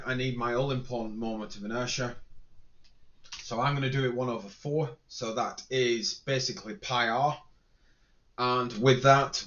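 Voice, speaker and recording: The recording is muffled with a little hiss or hum as an engineering lecturer, in a mid-range voice, demonstrates a calculation in a spreadsheet screen capture. He thinks aloud and revises his steps as he proceeds.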